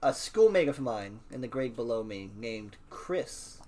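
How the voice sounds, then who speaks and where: A young man in casual podcast chat, telling stories in an animated, swearing, trailing-off way. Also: mid-range voice, unhurried.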